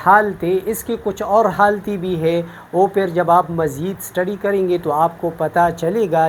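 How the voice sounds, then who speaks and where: A man teaching Quran recitation rules, who explains patiently and recites example words slowly to contrast them. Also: high voice, a little mellow, slight background noise.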